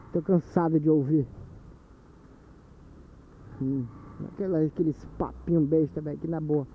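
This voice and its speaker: Lo-fi Amazonas man vlogging from a motorbike. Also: on the high side. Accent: Brazilian Portuguese, Amazonas. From Brazil, Manaus. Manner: slangy, repeats phrases, talks to viewers as "brother". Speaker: motovlogger. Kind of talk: casual monologue while riding. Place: on a motorcycle on city streets at night. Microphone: helmet or bike-mounted action camera. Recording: tinny lo-fi camera audio with faint wind and road noise.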